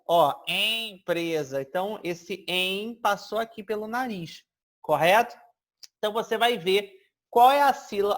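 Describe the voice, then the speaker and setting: A man teaching an exam-prep grammar lesson. He explains step by step, keeps checking in with his listeners, and stretches out example words to demonstrate them. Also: high-pitched.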